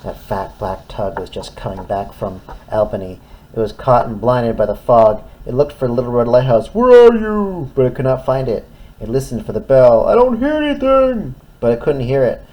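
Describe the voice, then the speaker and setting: A man's voice: mid-range voice, fairly even intonation, normal speed, mellow, poor audio. A man reading a children's story aloud expressively, in simple phrases as if to a toddler. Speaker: storytime reader.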